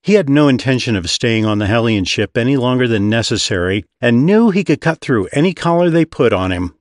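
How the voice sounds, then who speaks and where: A man narrating a fantasy audiobook in a measured storytelling manner. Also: mid-range voice, lively intonation, no echo, clean studio sound.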